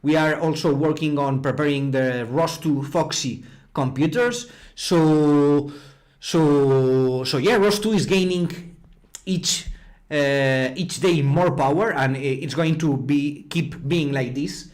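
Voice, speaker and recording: A man from Spain teaches a live-streamed coding class as an online robotics instructor, chatting in a Spanish accent, repeating words often and responding to viewers' chat. His voice is a little high with a darkish tone, and he speaks slowly.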